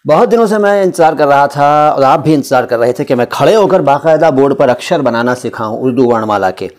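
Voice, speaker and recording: A man from India teaching a casual lesson at a board, chatty, with drawn-out letter sounds and side remarks. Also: mid-range voice, animated, darkish tone. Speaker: language teacher.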